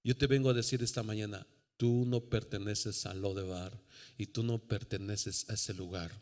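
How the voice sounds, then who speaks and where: A man's voice: on the low side, steady tone, normal speed, darkish tone. A man with a Mexican accent, a pastor preaching an emphatic sermon straight to his congregation. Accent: Mexican Spanish. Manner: emphatic, rising fervor, direct address to the congregation. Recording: long church reverb.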